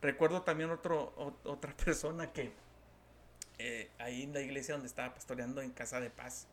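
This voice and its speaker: A man who is a pastor with a northern Mexican accent, telling stories in a talk-show interview, animated and acting out the voices of the people he quotes. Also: medium pitch, moderate pace, slight background noise.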